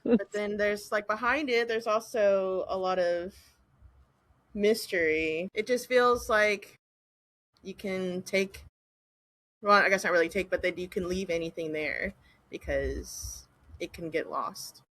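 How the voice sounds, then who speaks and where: A woman's voice: mid-range voice, measured pace, fairly bright tone, rough recording. A woman in a casual group conversation, speaking in a wry, thoughtful way. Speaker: medium in group session.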